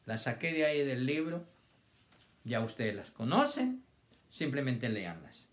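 Slow, lively-voiced male teacher. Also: mid-range voice. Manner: slow, patient, stretches words syllable by syllable. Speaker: primary school teacher. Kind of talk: children's reading lesson. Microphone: camera on a stand.

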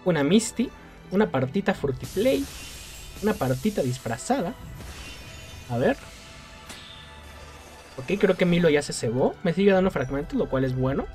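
A man's voice: sits high, very animated, moderate pace, long pauses, darkish tone, faint music behind. A man with a Mexican accent giving casual gameplay commentary, exasperated and self-mocking and laughing often. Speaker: gaming youtuber.

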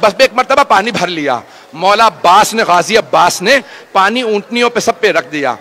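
A man preaching a mourning sermon in a very high voice that cuts through. His tone is bright and forceful, and he speaks straight to the congregation. He builds from lament into wailing shouts. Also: expressive, normal speed, a little hiss or hum. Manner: impassioned, rising to wailing shouts; addresses the gathering directly. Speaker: cleric.

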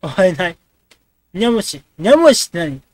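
A man's voice: high-pitched, very animated. A man casually commenting and joking while playing a dating game. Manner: quick, joking reactions to the game. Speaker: let's play host.

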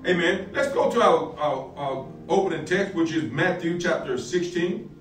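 With a fairly high, expressive voice at normal speed, a middle-aged pastor gives a sermon-style Bible lesson. He repeats phrases and builds toward emphatic peaks, and the audio sounds distant and echoey with faint music behind him.

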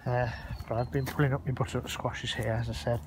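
A man narrates a casual, meandering vlog as he walks his allotment holding his phone. He speaks at a quick pace in a flat, mid-range voice, recorded noisily outdoors on the phone.

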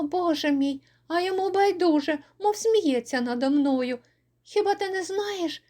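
A woman voicing a lively young village girl who pleads and cries out in quick, excitable bursts. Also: high-pitched.

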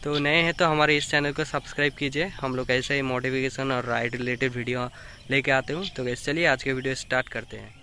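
A man's voice: medium pitch, fairly even intonation, brisk, sharp tone, slight background noise. A young man casually explaining an unboxing to his viewers as a motovlogger, in a plain, repetitive way.

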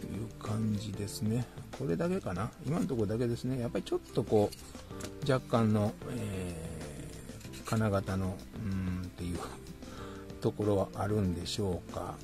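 Kansai guy talking to himself building a model kit, lowish voice, music playing under it. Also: moderate pace. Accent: Kansai Japanese. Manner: mumbling to himself while working, chatty. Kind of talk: casual hands-on narration.

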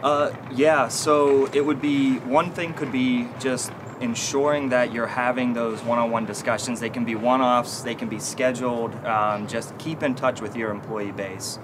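A man's voice: mid-range voice, steady tone, unhurried, hardly any pauses. Man explaining thoughtfully outdoors, city noise. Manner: thoughtful, many fillers and restarts. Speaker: consulting team lead, guest. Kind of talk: corporate interview. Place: outdoor stone bench in an urban courtyard.

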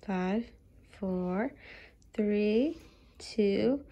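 A woman's voice: mid-range voice, drawn-out words, dark tone. A woman talking casually as a helper behind the camera. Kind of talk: casual chat.

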